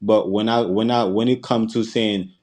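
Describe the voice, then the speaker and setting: Speaking with an island accent, this Virgin Islands man is a guest on a relaxed live-stream panel, defensively going over the same points and restarting haltingly again and again. His low voice has a darkish tone and fairly even intonation.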